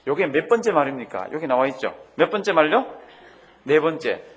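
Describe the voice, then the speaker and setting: A man's voice: fairly high pitch, very animated, fairly quick. A man preaching a sermon as pastor, asking his congregation questions and leading them in reading scripture aloud. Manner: calls out the scripture cries loudly.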